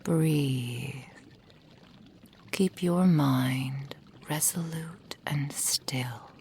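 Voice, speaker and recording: Drawing out her words in a deep, somewhat mellow voice, a woman performs a heavily acted possessive kitsune witch mentor for roleplay ASMR. She coaxes softly in a breathy whisper with old-fashioned, formal wording, and there's slight background noise.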